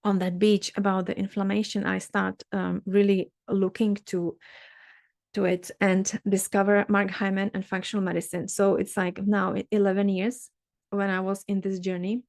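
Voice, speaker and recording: A middle-aged woman with a Czech accent teaches a workshop session, earnest and halting, often restarting her sentences. Her pitch stays level and even. The recording is dry and close. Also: creaky, no echo. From Czech Republic. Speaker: dermatologist leading a workshop. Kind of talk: workshop talk.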